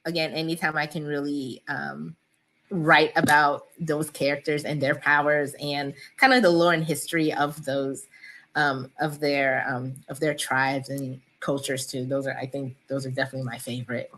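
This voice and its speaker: Low-pitched woman author guest, chatty, lots of ums and laughs. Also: little pitch movement, normal speed, fairly bright tone. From United States, Cameroonian parents. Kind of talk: casual interview chat.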